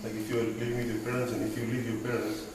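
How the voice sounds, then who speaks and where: A man's voice: medium pitch, completely flat delivery, quick pace. A young man from Guinea, a student giving loose, rambling interview answers. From Papua New Guinea. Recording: echoey, distant mic, background noise.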